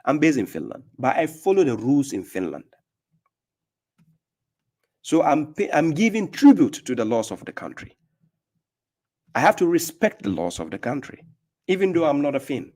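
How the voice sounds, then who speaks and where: A Ghanaian man, an Islamic preacher with a Ghanaian accent, gives informal religious teaching in a slightly high, darkish voice at normal speed, pausing often. He is very animated and emphatic, repeating phrases and frequently asking "do you get my point?" to check that listeners are following.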